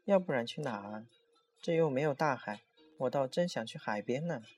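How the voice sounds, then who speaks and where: A man's voice: medium pitch, lively intonation, normal speed, darkish tone, soft background music, lightly acted. A man voicing a cheerful, goofy young female college student in a spoken horror story, with a breezy, playful way of talking.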